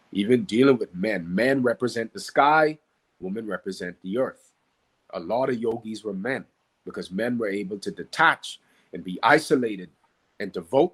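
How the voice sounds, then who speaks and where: A Qigong practitioner and teacher from the Bahamas appears as a podcast guest. He teaches in a conversational, emphatic way, repeating key phrases and posing rhetorical questions. His Bahamian-accented voice is medium-pitched and slightly husky.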